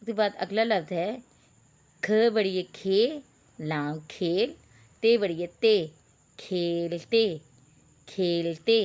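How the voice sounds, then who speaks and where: A woman's voice: medium pitch, takes it slowly, pauses often, a little mellow. A woman teacher, patiently spelling out words letter by letter in an online reading lesson for young pupils. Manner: addresses pupils as beta.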